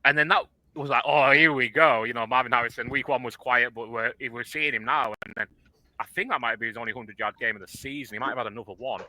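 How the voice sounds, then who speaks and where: Bright-voiced podcast host. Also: male voice, mid-range voice, fast, no room sound, poor audio. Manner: relaxed, analytical, many fillers. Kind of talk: casual sports podcast chat.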